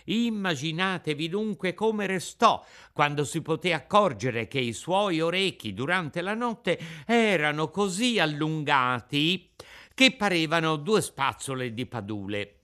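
A man reads a classic storybook aloud in a theatrical, expressive manner. His voice is fairly high for a man and strikingly bright, with a keen edge. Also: unhurried. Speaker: narrator. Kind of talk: dramatic storybook reading.

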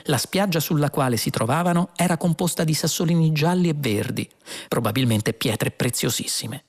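A man reads a novel aloud in a measured, expressive way. His voice sits a little high and has a gravelly edge. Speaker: audiobook narrator. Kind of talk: scripted narration.

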